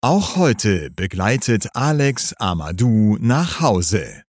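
A man narrating a graded story for language learners, reading slowly, clearly and deliberately. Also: fairly low pitch, big pitch swings, darkish tone, dry recording, clean studio sound.

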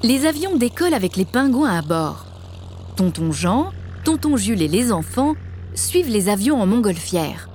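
A woman reading a children's story aloud with clear, measured storytelling. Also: on the high side, big pitch swings, a little mellow, a little hiss or hum. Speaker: narrator.

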